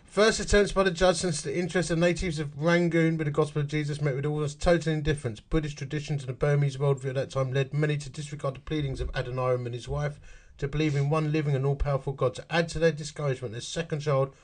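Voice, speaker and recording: Speaking fast with few pauses, a man with an Essex accent and a fairly high, steady voice reads out a history article. He keeps interjecting chatty asides and figuring out dates and numbers aloud.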